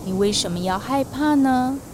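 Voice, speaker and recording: Woman doing a calm gentle teacher. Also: high-pitched, normal speed, slight background noise, close to an everyday voice. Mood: gently scolding. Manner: soothing, reassuring. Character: calm, gentle adult male teacher figure.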